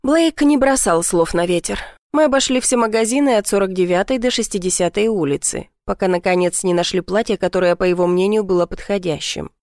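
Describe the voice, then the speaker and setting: A woman narrating a first-person audiobook in a steady, even storytelling manner. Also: medium pitch, fairly quick, no echo, clean studio sound.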